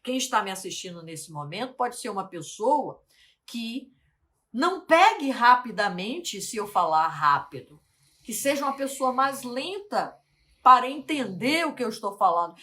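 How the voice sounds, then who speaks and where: Woman, speaking coach, animated pitch, slow careful articulation, rhetorical questions. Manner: deliberate, slowed, carefully articulated delivery. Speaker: life mentor and speaking coach. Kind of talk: teaching monologue to camera.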